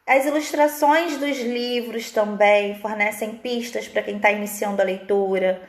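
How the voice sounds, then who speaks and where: A woman's voice: mid-range voice, steady tone, unhurried, reverberant. A Brazilian woman teacher giving a live online lesson, explaining at length and often ending her points with a questioning tag. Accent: Brazilian Portuguese. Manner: explanatory, frequent "né?" tags.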